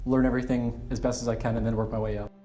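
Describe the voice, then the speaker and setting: A man's voice: medium pitch, flat delivery, very fast, warm tone, soft background music. A man, a culinary student, giving casual, frank, laid-back interview answers.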